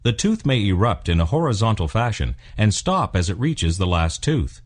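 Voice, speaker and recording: A male narrator with a fairly low voice reads a scripted instructional piece. His delivery is formal and measured, yet the pitch moves in a lively way across each sentence. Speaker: narrator of dental explainer videos.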